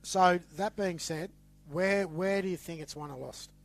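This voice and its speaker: A man with an Australian accent, hosting a casual sports podcast, talking in a teasing, animated way and repeating words as he gets going. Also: sits high, measured pace. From western New South Wales. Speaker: podcast host.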